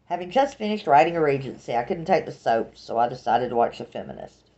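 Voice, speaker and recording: A woman's voice: rumbling low, sing-song, fast, warm tone, highs cut off. A woman from Alabama with a Southern accent, reading a first-person novel aloud with a dry, wry delivery. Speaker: audiobook narrator.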